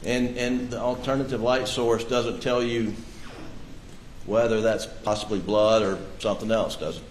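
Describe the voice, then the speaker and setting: A man's voice: on the low side, steady tone, normal speed. A man acting as defense attorney, pressing a witness with pointed leading questions, heard in a courtroom recording. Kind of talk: courtroom cross-examination. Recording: echoey courtroom feed, faint hiss.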